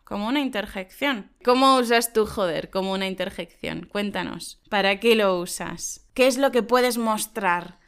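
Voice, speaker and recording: Woman, language teacher, lively and emphatic, bright, crisp and clear voice. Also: medium pitch, normal speed, few pauses. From Spain. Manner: lively, emphatic, laughs often. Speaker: Spanish teacher and co-host. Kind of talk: explaining slang to learners.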